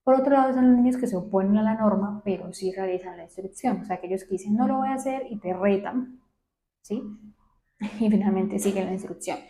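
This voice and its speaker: A young woman child psychologist talks parents through advice in a soft, low, mellow voice. She explains patiently and keeps checking in with short tag questions. The recording carries a roomy echo. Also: brisk. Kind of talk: educational talk to camera.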